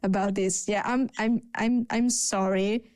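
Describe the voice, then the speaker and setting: A woman's voice: mid-range voice, fairly even intonation, a little slow, darkish tone, smooth, no echo. Italian-accented woman co-hosting a chat. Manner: chatty, searching for words, laughs often. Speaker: podcast co-host. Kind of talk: casual panel chat.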